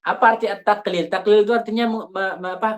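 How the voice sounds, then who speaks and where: A man leads a recitation lesson in a relaxed, chatty way. He searches for words aloud and breaks into sung examples of how the vowels should sound. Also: high-pitched, fast. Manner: informal, thinks aloud with fillers, demonstrates vowel sounds. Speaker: Quran recitation teacher. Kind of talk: explaining recitation rules in a class.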